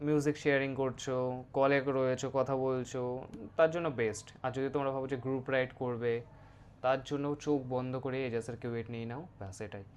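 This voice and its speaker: In a casual, instructive hands-on review, a male motovlogger with a West Bengal Bengali accent speaks quickly in a steady, medium-pitched voice against slight background noise. English words pepper his Bengali, and he regularly checks in with "okay?".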